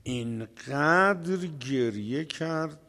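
A man giving a religious sermon, telling a story with slow, emphatic delivery, dramatic pauses, and a voice that swells at the key moments. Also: a little high, lively intonation, pushed and bright. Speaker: preacher.

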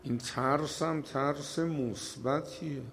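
A man giving a religious sermon, telling a story with slow, emphatic delivery, dramatic pauses, and a voice that swells at the key moments. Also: on the high side, fairly even intonation, a bit bright, a little hiss or hum. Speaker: preacher.

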